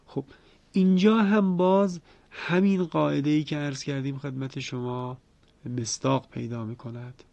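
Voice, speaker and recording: A man with a gravelly voice gives a formal lesson on recitation rules. He explains step by step in a measured way and slows down to chant each example. The recording is dry and a bit dull. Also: on the high side, steady tone, darkish tone, no room sound. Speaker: Quran recitation teacher.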